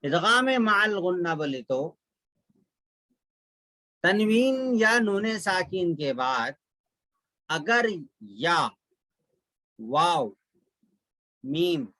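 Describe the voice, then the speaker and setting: A man's voice: high voice, pushed and bright, dry recording, studio quality. A man teaching Quran recitation rules step by step, drawing out each example syllable by syllable and repeating it. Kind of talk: step-by-step tajweed lesson.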